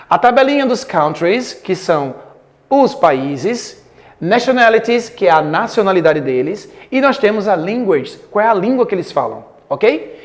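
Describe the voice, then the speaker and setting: A male English teacher from Brazil giving a recorded online class, explaining patiently and checking in often with "ok?". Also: high-pitched. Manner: lists words one by one, slowly and evenly.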